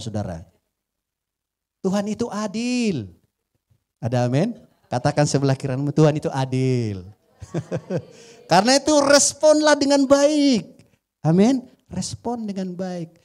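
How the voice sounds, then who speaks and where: A male pastor with a Batak-tinged Indonesian accent preaching a sermon to a congregation, joking and swinging between loud emphasis and quiet asides. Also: sits high. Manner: often addresses the congregation as "saudara". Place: church before a congregation.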